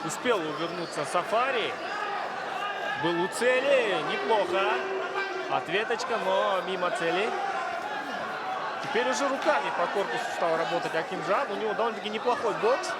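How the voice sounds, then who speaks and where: Brief: excitable man for live fight commentary, raised pitch, thick arena crowd noise behind. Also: brisk. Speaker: sports commentator. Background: loud fight crowd.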